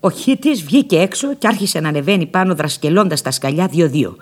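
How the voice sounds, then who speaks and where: A woman narrating a first-person novel aloud in an expressive, dramatic storytelling manner. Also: lowish voice. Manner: expressive, dramatic storytelling with lively shifts in loudness. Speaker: audiobook narrator.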